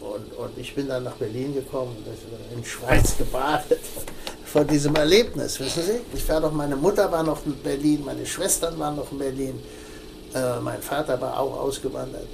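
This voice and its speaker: An older man telling a personal story in an interview, halting, with many restarts and fillers. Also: mid-range voice, creaky, background noise.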